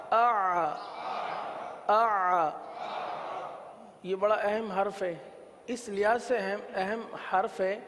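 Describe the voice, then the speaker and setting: A man teaching Quran letter pronunciation, stretching out demonstration sounds between short plain explanations. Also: high voice. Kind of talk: recitation lesson with drills. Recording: noisy recording with long reverb.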